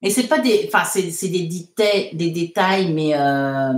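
Slow-talking woman teacher in an echoey room. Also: fairly low pitch. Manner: switches between French and slow English, frequent hesitations. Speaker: English teacher. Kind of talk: live online English lesson.

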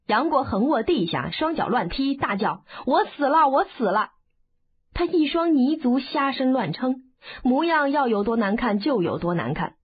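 Lively high-voiced woman narrating a story. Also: husky. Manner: expressive, dramatic. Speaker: audiobook narrator. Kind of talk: storytelling narration of a martial arts novel. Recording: phone-like narrow band.

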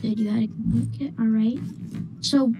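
A woman's voice: a little high, steady tone, normal speed, lo-fi sound, background noise. A female gamer in casual co-op chat, bossy and playful, giving orders to her teammate and humming filler.

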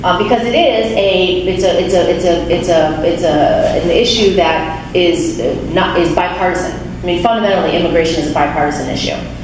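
Speaking fairly quickly in a lowish voice, this thirtysomething woman from a refugee resettlement nonprofit chats casually from a chapel lectern, with frequent restarts and fillers, in an informal talk that invites audience questions. The small church space echoes, and since a far camera picks up her handheld mic, room noise comes through too.

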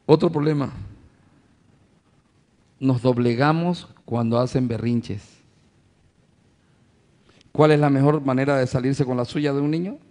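A man's voice: mid-range voice, fairly even intonation, a little slow, pauses often, darkish tone. A male pastor preaching a sermon to his congregation, addressing them as brothers, asking rhetorical questions and acting out everyday family scenes.

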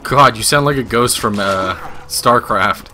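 A man's voice: medium pitch, a little slow, bright, forceful tone. A young man making offhand, wry remarks in casual chat while playing a video game. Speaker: gaming video player. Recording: game music behind.

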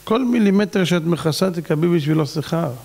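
A man's voice: animated, vocal fry, a little mellow. A man, a rabbi, preaching a dramatic, exclaiming storytelling sermon. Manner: dramatic, exclaiming, swings in pitch.

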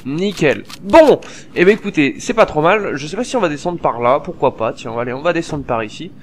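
A man hosting a gameplay video, chatty and excitable, peppering his casual commentary with slang, swearing and fillers. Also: fairly high pitch, a little fast, slight background noise. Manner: many fillers while explaining.

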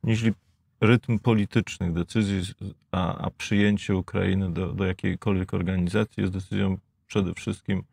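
A man in his fifties with a Polish accent, a debate guest who speaks in a measured way with stammering restarts, on a lapel mic in a studio. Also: deep voice, level tone, gravelly, a little mellow, slightly rough, no echo. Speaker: debate guest, geopolitical analyst. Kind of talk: panel debate. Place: studio with blue backdrop.

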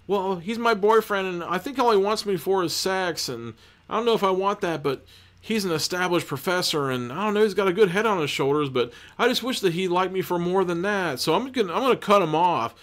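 A man doing a high, gushing young woman student. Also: a bit bright. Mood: fretful. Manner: high, gushing, rapid run-on complaints. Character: fretful young woman student with boyfriend worries.

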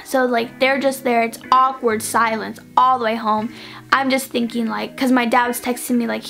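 A young woman with a slightly high voice tells a personal story to her channel in a loose, chatty monologue. She rambles and fills nearly every phrase with "like". Soft music plays faintly underneath. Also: little pitch movement, normal speed, creaky. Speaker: vlogger.

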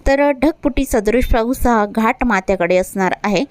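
A woman's voice: on the high side, normal speed, a little mellow. A woman presenting a weather update, reading a regional rain forecast and rattling off long lists of place names.

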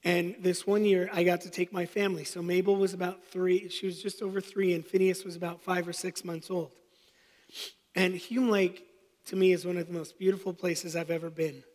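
A man's voice: high voice, level tone, moderate pace, a little mellow, in a large hall. A man in his thirties, a pastor preaching, telling a personal story with self-deprecating humor. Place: church sanctuary.

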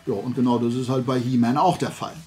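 A man hosting a toy collecting YouTube channel chats to camera from a small indoor room lined with shelves of toys. His mid-range voice moves fast in a casual, opinionated, animated ramble that's colloquial and emphatic, with faint music behind him.

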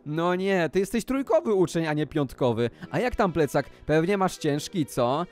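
A man playing out a Minecraft role-play as a YouTuber, talking excitedly and exclaiming to his viewers. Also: a little high, moderate pace, soft background music. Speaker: gaming YouTuber.

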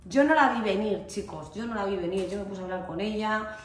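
A woman with an accent from Spain, telling a story to camera in a chatty, animated way, full of fillers and asides. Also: medium pitch, a little fast. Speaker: vlogger. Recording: echoey room with faint ambient noise.

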